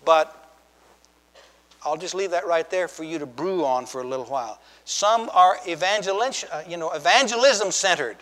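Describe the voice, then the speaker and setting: A man's voice: a little high, normal speed, sharp tone, big-room sound. A man preaching as pastor, telling folksy, joking stories with frequent restarts. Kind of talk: sermon. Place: church sanctuary with long reverb.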